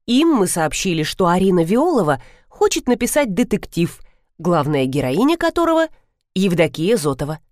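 A woman's voice: on the low side, sing-song, moderate pace, a little mellow, no echo, clean studio sound. A woman reading an audiobook, voicing a composed, firm and polite grown man. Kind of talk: audiobook character voice.

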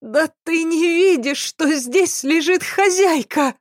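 A woman voicing a scheming young maidservant in an audiobook, with a nasal voice and sharp, quarrelsome retorts. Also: very high voice, slow, no room sound, clean studio sound, voice pushed up. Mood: indignant.

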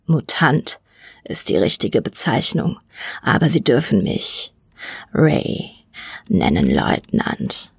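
A rattling, wheezy male mutant drawls low and slow, hissing his mocking threats as a woman reading a storybook puts him on. The voice sits deep below her own, dropping almost to a whisper. The room around it is dry and close. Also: sing-song, creaky, breathy edge, dry recording, exaggerated voice. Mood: sneering. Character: hunched rasping male mutant, menacing and mocking.

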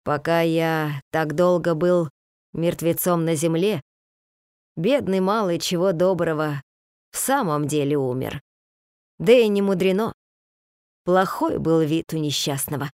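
A woman voicing a weary, gentle husband who speaks slowly in a low, subdued, halting way. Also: clean tone, no room sound, clean studio sound. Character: weary, soft-spoken husband, gentle, slow.

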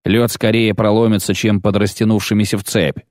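A man reading aloud, voicing an old, superstitious male tracker who talks slowly and uneasily in a rustic way. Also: on the low side, level tone, a little mellow, no echo, studio quality, natural voice. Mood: explaining.

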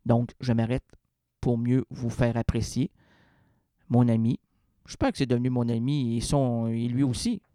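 A man's voice: medium pitch, level tone, moderate pace, pauses often, dark tone, dry recording, clean studio sound. A man hosting a radio show, reading poetry and rambling with jokes and word play. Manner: rambling, self-interrupting, jokey with sudden singing and word play. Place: radio studio.

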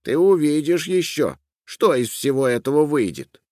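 A man's voice: mid-range voice, very animated, unhurried, dry recording, clean studio sound, pitched above the performer's own voice. A man voicing a talking frog who mocks a rude girl. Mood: mocking. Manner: mocking. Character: mocking frog from the grass.

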